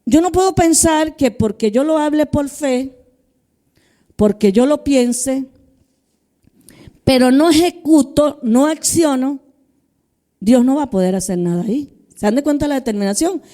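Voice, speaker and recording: A woman's voice: high-pitched, unhurried, pauses often, dark tone. A middle-aged woman pastor preaching a sermon, talking straight to the congregation and acting out quoted prayers and inner voices. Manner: conversational preaching, addresses congregation directly.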